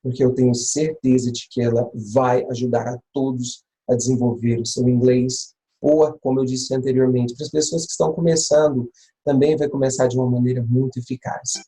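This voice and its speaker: Mellow-voiced Brazilian man teaching. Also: mid-range voice, little pitch movement, a little fast, low-quality recording. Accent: Brazilian Portuguese. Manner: patient, repeats key points. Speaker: language teacher. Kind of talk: explanatory online lesson.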